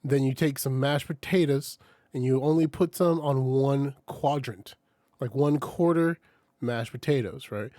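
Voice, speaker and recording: How he packs his leftovers is the topic as this podcast host talks casually, a lively storyteller who swears freely and laughs a lot. He's a bit slow at medium pitch, recorded dry and clean in a studio.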